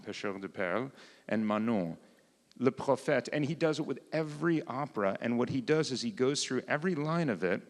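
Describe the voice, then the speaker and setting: Male cantor lecturing in a reverberant hall. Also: medium pitch. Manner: conversational, with many fillers. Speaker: cantor teaching an opera class. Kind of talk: informal lecture. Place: synagogue hall.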